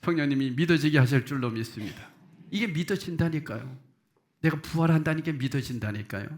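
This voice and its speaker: A male pastor preaching a sermon in a chatty way, firing rhetorical questions at the congregation and swinging from soft low asides to loud, high exclamations. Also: expressive, brisk.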